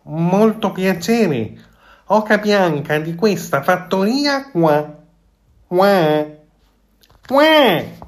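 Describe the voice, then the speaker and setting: A man's voice: high-pitched, lively intonation, very slow, long pauses, voice pushed up, heavily acted. A man voicing a silly, cheerful female goose with a honking, singsong manner in a storybook reading. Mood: proud.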